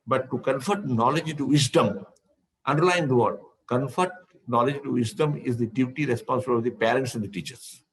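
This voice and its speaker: A man's voice: mid-range voice, fast, low-quality recording. A man with an Indian English accent, a spiritual teacher speaking to devotees in a rambling, discursive way that often repeats words while he searches for the next phrase. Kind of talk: speaking to devotees in an online session.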